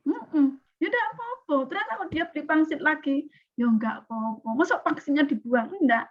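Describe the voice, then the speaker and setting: Lively high-voiced woman teacher. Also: a little fast. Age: 40s. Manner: lively, questioning students often. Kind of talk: classroom lecture. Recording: dull lo-fi recording.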